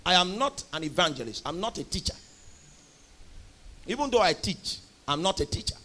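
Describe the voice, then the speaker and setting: A young Nigerian man with a Nigerian accent preaching a sermon, emphatic, with loud bursts on key words. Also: high-pitched, sing-song, moderate pace. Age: young adult.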